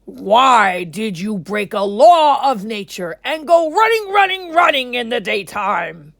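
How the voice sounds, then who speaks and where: A woman playing a loud, commanding lion king. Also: sing-song, creaky, dry recording, clean studio sound, exaggerated voice. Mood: stern. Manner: regal, booming, slow proclamations.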